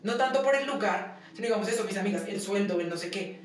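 Her mid-range voice is lively in intonation, and she talks fast. A young woman guesting on a casual interview, she tells her own stories, performs the dialogue, and laughs frequently, recorded far off in an echoey space with some noise.

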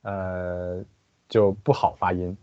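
A man acting as a language teacher, translating sentences and explaining pronunciation slowly and deliberately. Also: low voice, level tone, clear, resonant tone, no room sound, muffled recording. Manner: slow, deliberate, careful explanations.

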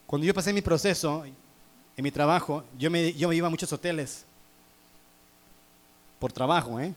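A man's voice: on the high side, normal speed. A man with a Mexican accent, preaching a sermon through a humorous personal story, teasing the congregation. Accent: Mexican Spanish.

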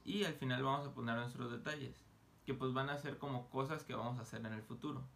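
A man gives an online English lesson, his voice slightly gravelly. He speaks casually, breaking English examples into slow, separate words. A faint hiss sits under the recording. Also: medium pitch, steady tone, a bit bright. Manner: slow, deliberate modeling of English phrases; casual, joking asides. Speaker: English teacher.

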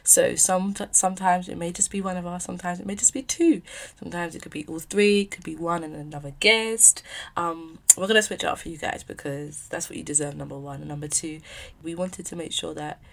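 Low, creaky-voiced young South East London woman. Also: steady tone, a little fast, a bit bright. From south-east London, England. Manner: chatty, candid, opinionated. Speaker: podcast host. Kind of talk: casual solo podcast chat. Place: at home.

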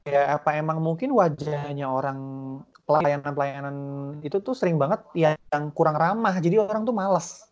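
A co-host, chatting casually and adding quick asides. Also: medium pitch, lo-fi sound. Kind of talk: casual chat.

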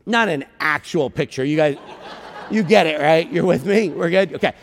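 A male pastor telling a story in a sermon, animated and self-deprecating. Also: a little high, normal speed, slight background noise. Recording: long reverb in a church hall.

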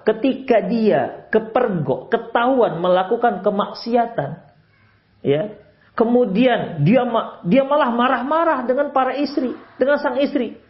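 A man preaching a sermon lecture, swinging from raised exclamations to quiet low advice. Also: muffled recording. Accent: Indonesian. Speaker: Islamic preacher.

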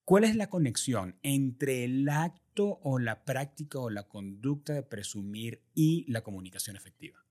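A man's voice: mid-range voice, expressive, unhurried, hardly any pauses, a little mellow. Courteous male podcast host. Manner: polished, courteous introductions. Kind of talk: podcast interview hosting.

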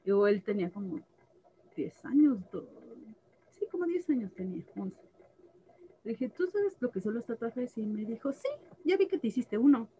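A woman's voice: on the high side, normal speed, pauses often, dull audio, slight background noise. A woman, a tattoo artist chatting casually and acting out conversations as she tells stories. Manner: animated storyteller, acts out dialogue, laughs often. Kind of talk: casual chat.

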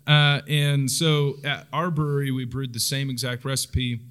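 A man talking casually as a podcast host, relaxed and rambling with lots of fillers. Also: medium pitch, moderate pace, clean tone. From Oklahoma. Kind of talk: casual chat.

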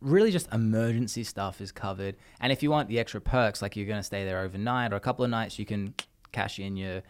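A man with an Australian accent talks in a low, easygoing voice. He rambles through his points, restarting sentences as he goes. He tells stories casually, like a guest on a chat show. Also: quick pace, few pauses, clear, resonant tone. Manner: rambling, restarts, lively storytelling. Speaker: podcast guest.

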